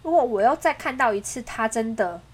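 A woman podcast co-host, telling a story in casual chat with dramatic, animated delivery. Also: on the high side, fairly quick, breathy edge.

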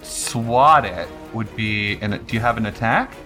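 A man's voice: on the low side, measured pace, sharp tone, soft background music. A man acting as game master, casually narrating combat and rulings in a tabletop role-playing game.

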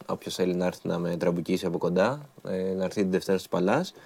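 A man's voice: deep voice, steady tone, vocal fry, a little mellow, husky. A young man co-hosting a casual studio chat, chatty and teasing, laughing easily as he presents upcoming events. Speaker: co-host presenting event picks.

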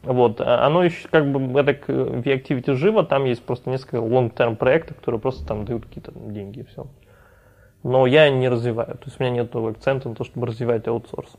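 This company founder and CEO, appearing as a podcast guest, chats casually and rambles, often restarting and using fillers. His medium-pitched voice is steady, darkish, and a little fast.

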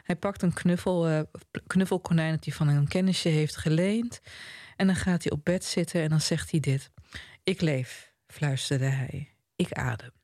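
Animated Dutch-speaking podcast co-host, dry sound. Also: medium pitch, dry recording. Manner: animated, reads passages aloud slowly and softly. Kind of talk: casual literary discussion.

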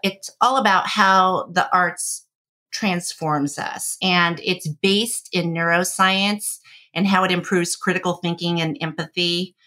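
A middle-aged woman from Indonesia, a podcast guest talking in an animated, chatty way and laughing easily. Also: lowish voice. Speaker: podcast guest, architecture firm executive. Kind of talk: conversational interview.

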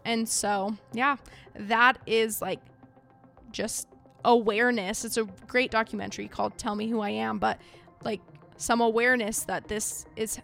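Creaky-voiced woman podcaster with soft R's. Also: a little high, fairly even intonation, unhurried, soft background music. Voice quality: trouble pronouncing R's, says them like W's. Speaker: podcast host. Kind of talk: casual podcast talk.

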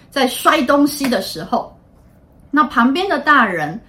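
A woman from Taiwan, a child psychiatrist hosting a podcast, explaining in a calm, patient way with frequent pauses. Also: medium pitch.

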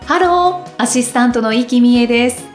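A woman's voice: a little high, moderate pace, faint music behind. A woman co-hosting a podcast as assistant, responding attentively with short interjections. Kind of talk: casual chat.

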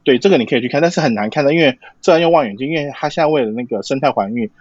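Man, Taiwanese Mandarin accent, very quick, rough husky tone, repeats himself, dull lo-fi recording. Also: mid-range voice, no echo. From Matsu, Taiwan. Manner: halting, repeats words and phrases. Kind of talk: casual explanatory chat. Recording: dull lo-fi sound, dry.

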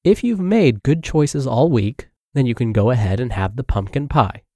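Male podcast narrator, a bit stuffy-nosed, mid-pitched, steady read, dry close mic. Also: moderate pace, dry recording. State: congested. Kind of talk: reading blog articles aloud.

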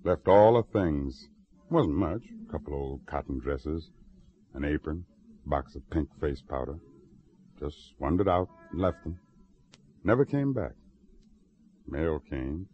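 A weary old man sitting on a city stoop, blunt and terse. His voice sits extremely deep yet swings lively up and down in gruff drawls. It comes through a dull old radio recording with faint hiss. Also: takes it slowly, long pauses, exaggerated voice. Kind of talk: 1950s radio drama acting.

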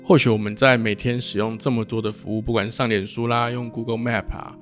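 A man's voice: medium pitch, level tone, fairly quick, a bit bright, soft background music. A man from Taiwan, a podcast host who muses aloud and sums up topics in a casual chat. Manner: musing, thinks aloud, wraps up topics.

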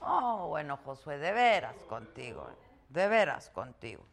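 A woman's voice: low-pitched, sing-song, unhurried. A woman hosting a live talk show from a hotel, chatty and teasing, reading out viewer greetings and trailing off in repetitions. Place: hotel on the Mexican Caribbean coast.

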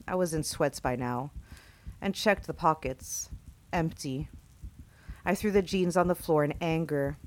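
A woman with a notably low voice narrates a first-person horror tale. Her delivery is slow and hushed, and it leans into suspense.

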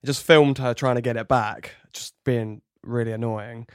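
A man casually telling a story, halting and restarting his sentences. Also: medium pitch, fairly even intonation, smooth, no room sound, clean studio sound.

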